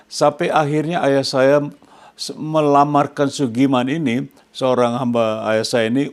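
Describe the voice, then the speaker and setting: Gravelly-voiced male pastor preaching. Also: medium pitch. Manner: asks the congregation questions and answers them himself, rising loud on quoted words. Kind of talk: sermon.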